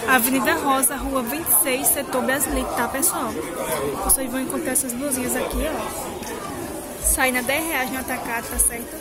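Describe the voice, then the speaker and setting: A woman's voice: high voice, steady tone, normal speed. A woman chatting through a shopping vlog at a market stall, recorded on a handheld phone and constantly checking in with viewers. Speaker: vlogger showing wholesale suppliers. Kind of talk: casual shopping vlog walkthrough. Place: indoor clothing market stall. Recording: loud market crowd and music.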